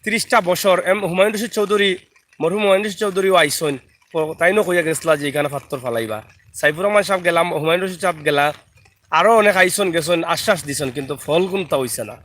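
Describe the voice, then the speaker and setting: A man's voice: high-pitched, fast talker, fairly bright tone. A man with a Sylheti accent chatting live to viewers from a riverside village, greeting them by name. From Bangladesh. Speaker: vlogger. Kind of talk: live video chat while filming outdoors.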